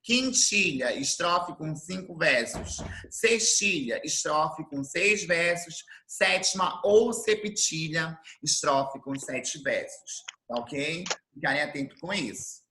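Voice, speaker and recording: A man from Brazil teaching an online class, explaining things slowly and repeating his definitions. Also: on the high side, sharp tone, a little hiss or hum. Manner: slow, didactic, repeats definitions. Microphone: computer mic on video call.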